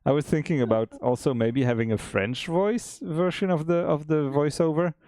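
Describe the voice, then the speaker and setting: A man's voice: on the high side, moderate pace, no room sound. Guy chatting about his game on stream, easygoing, laughs a lot, dry close mic. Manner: relaxed, chatty, laughs often, many restarts. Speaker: indie game developer. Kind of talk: casual chat on a dev stream.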